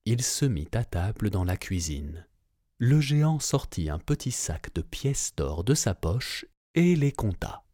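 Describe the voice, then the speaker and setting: A man reads a fairy tale aloud in a low, mellow voice. His pace is unhurried and his pitch moves in lively sweeps. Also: no echo, clean studio sound. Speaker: narrator. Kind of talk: storybook reading aloud.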